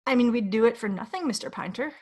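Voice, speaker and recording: Woman reading as a smooth polite salesman dude, calm, low-key creepy. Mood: calmly sinister. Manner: polite, unhurried, quietly menacing. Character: smooth, courteous, sinister male salesman.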